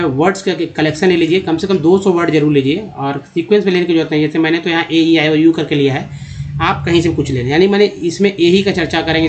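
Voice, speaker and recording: Man slowly explaining lesson slides. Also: on the high side. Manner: explains step by step, often addressing viewers as friends; repeats example words slowly. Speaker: English teacher.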